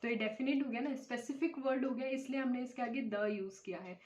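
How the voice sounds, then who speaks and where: A woman's voice: on the high side, a little fast, darkish tone, lo-fi sound. A woman teaching an English grammar lecture, explaining step by step and often checking with her students. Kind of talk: classroom lecture.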